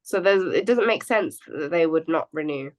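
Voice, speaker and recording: A woman's voice: low voice, expressive, moderate pace. A young woman co-hosting a podcast in casual chat. She agrees readily and keeps her remarks short. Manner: agreeable, brief backchannels. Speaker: podcast co-host.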